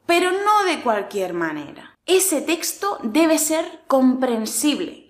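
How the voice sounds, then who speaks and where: A woman with a Spain Spanish accent teaches a language lesson, speaking slowly and with care. Her voice sits a little high, and she coaches in a clear, deliberate way. The room around her echoes.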